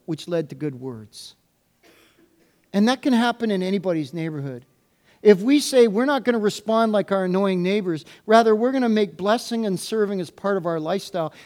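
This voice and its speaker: A middle-aged male pastor preaches a sermon, recounting a personal story and acting out the dialogue with lively delivery. His voice sits high.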